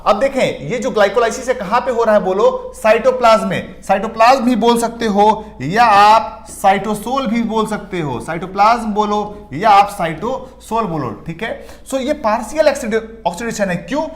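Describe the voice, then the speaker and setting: A man teaching biology for an exam, asking questions and answering them himself, stretching key terms slowly. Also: high-pitched. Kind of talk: exam-prep lecture over slides.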